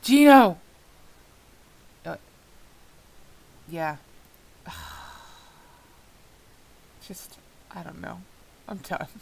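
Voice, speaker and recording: Bright-voiced woman laughing at her flubs. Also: lowish voice, slight background noise. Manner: swears and laughs at her own slip-ups; self-mocking, exasperated. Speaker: reader of a fan-fiction audio drama. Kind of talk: blooper reel while reading aloud.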